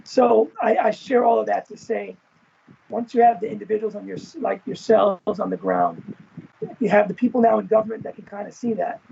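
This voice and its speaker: Heard through a muffled video call with slight background noise, the man's high-pitched voice stays steady and fairly quick, dark in tone with vocal fry. He's a guest on an interview, a former event manager and professor, rambling casually and tagging ideas with "right?" and "you know."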